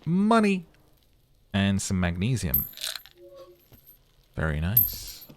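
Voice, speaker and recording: A man plays through a video game, speaking slowly in a low, darkish voice with huge pitch swings. He alternates between casual, muttered commentary and dramatic readings of game text, thinking aloud and humming to himself as he goes.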